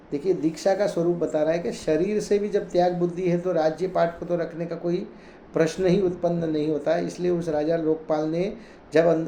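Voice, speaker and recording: Here a man chants scripture slowly before breaking it down in everyday Hindi, as a Jain reader and teacher. His pitch is rather high but his tone stays relaxed and mellow; the space echoes and a slight hum runs underneath.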